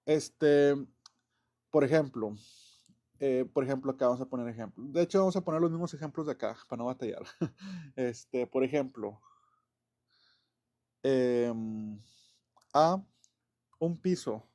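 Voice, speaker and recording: A man's voice: mid-range voice, measured pace, pauses often, dark tone. Chatty male English teacher. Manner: loose and chatty, many fillers and self-corrections, chuckles often. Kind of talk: casual classroom explanation.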